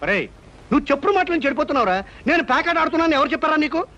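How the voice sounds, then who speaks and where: A man's voice: extremely high pitch, animated, very fast, bright, forceful tone, muffled recording, exaggerated voice. An actor playing a pompous, miserly male musician and father in a film comedy. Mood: scolding. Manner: pompous and evasive.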